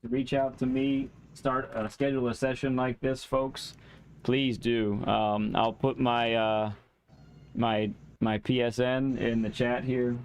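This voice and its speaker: A man hosting a gaming live stream, chatting casually in a halting way and often repeating his words. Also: medium pitch, flat delivery, slight background noise.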